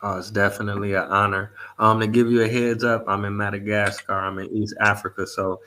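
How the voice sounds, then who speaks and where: A man's voice: fairly low pitch, level tone, brisk, bright, forceful tone. A man hosting a podcast, asking interview questions politely with formal phrasing. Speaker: podcast host.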